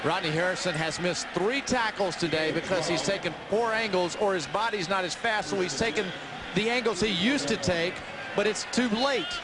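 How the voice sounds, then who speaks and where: A man's voice: high voice, moderate pace. A man giving conversational, explanatory analysis as a live football color commentator. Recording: loud stadium noise behind broadcast. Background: crowd and stadium noise.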